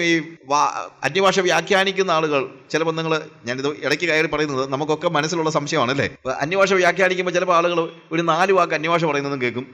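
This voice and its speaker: Fast-talking Malayali preacher man. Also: fairly high pitch, sharp tone. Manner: rhetorical questions, mixes English phrases. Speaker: evangelist. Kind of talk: Bible teaching sermon.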